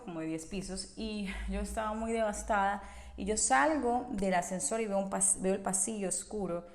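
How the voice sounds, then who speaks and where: A woman telling a personal faith testimony in an earnest, emotional way, often restarting her sentences. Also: mid-range voice. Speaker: podcast speaker sharing a faith testimony. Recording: roomy echo.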